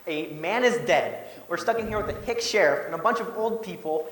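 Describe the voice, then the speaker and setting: A man's voice: sits high, lively intonation, brisk, a bit bright. A man playing a jaded, sarcastic detective with a dry delivery in a comic stage play. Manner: dry, sardonic. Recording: echoey hall, faint room noise.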